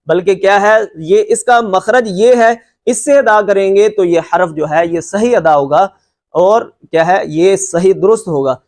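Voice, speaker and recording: Man, high-pitched voice, recitation teacher, patient and repetitive, drawn-out demonstration sounds, reassuring. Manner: repeats points patiently, stretching letter sounds to demonstrate them; reassuring and encouraging. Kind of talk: classroom lecture with slides.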